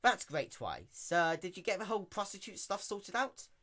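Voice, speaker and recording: Man acting out female pegasus pony, nonchalant, inattentive, offhand, bright tone, storybook character. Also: high voice, big pitch swings, moderate pace, voice pushed up, exaggerated voice. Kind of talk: dramatic reading of fan fiction.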